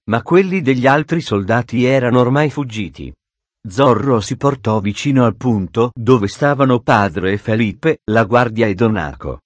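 A man narrating an adventure storybook in a steady, dramatic reading on a close studio microphone. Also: mid-range voice, dry recording. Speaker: audiobook narrator.

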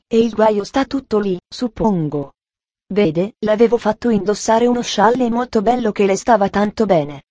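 An eager little girl pleads in a soft, earnest voice, put on by a woman reading a storybook. The tone is mellow and warm, and the sound is close and dry with no room around it. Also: medium pitch, no room sound, muffled recording, lightly acted. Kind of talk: audiobook reading.

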